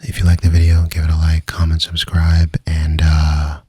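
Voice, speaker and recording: Man, low and very breathy, close dry sound, casual hesitant ASMR delivery between soft speech and whisper. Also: monotone, moderate pace, dry recording. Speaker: ASMR video creator.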